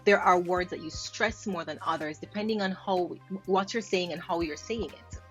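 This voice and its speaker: Soft music plays behind this Jamaican woman, a linguist host with a lowish, fairly bright voice at a moderate pace. Reacting to clips, she walks through pronunciation, repeating words aloud to show how they sound, with light laughter.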